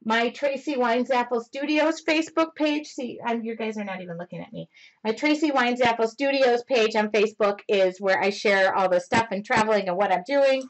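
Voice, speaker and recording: A woman hosting a live-streamed mixed media painting lesson, chatty and excitable, rambling and often talking loudly. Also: on the high side, normal speed, dull audio. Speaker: mixed media art instructor.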